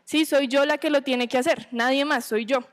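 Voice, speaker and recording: A woman's voice: sits high, fairly even intonation, moderate pace. A woman giving a sermon to a women's meeting, teaching in a conversational way, asking rhetorical questions and checking in with her listeners.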